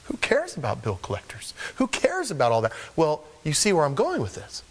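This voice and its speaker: A middle-aged male preacher delivering a sermon in an animated, storytelling way. His voice sits a little high and leaps up and down in pitch as he acts out voices. He keeps it conversational and personal. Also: fairly quick, slight background noise.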